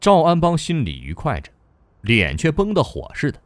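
A man narrating a novel in an expressive storytelling manner. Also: a little high, normal speed, no room sound. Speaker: audiobook narrator.

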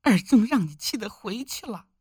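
A man's voice: high voice, animated, normal speed, husky, dry recording, clean studio sound, voice pushed up. A man voicing an anxious older village woman, fretful and near tears.

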